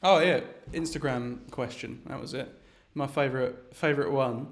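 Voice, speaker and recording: A man's voice: mid-range voice, moderate pace. Rambling young man, casual chat. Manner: hesitant, rambling, many restarts. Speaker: video chat host.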